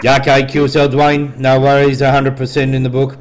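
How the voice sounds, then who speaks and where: An Australian man working as a radio operator, chatting casually and amiably in radio procedure talk, with hesitant pauses. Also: medium pitch, monotone. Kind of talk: radio contact chat with spelled-out call signs. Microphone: dual-element studio desk microphone at a radio set.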